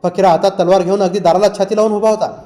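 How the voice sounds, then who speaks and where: A man reading a novel aloud as an audiobook narrator, with steady, dramatic storytelling. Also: high voice, very fast.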